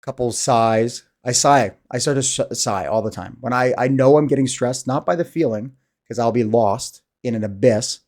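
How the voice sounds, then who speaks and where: A man's voice: medium pitch, normal speed, darkish tone. Man in his thirties, casual vlogger, rambling and candid, sighs often, mid-range voice. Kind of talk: casual monologue to camera.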